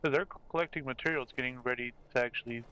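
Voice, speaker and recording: A man chatting casually in character in an online role-play, in a halting way. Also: medium pitch, sharp tone, clear, resonant tone. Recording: muffled game voice chat.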